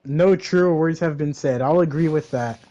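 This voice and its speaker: A man's voice: fairly high pitch, moderate pace, mellow, muffled recording. A young man co-hosting a podcast, chatting casually with a laid-back, teasing, slangy manner. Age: young adult. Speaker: podcast co-host. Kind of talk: casual chat.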